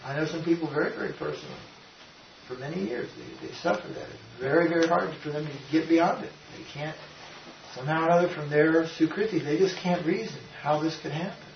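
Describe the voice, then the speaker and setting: A man's voice: fairly high pitch, brisk, gravelly. An older man, a spiritual teacher, giving an informal devotional talk in a rambling, emphatic way with frequent restarts. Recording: roomy, distant, dull lo-fi sound with faint noise.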